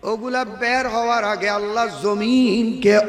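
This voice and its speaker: A male preacher, telling a story in a sermon and moving from quiet lines to loud shouts. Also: high-pitched, fairly even intonation, unhurried. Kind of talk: sermon at an outdoor religious gathering. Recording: reverberant PA sound with a crowd.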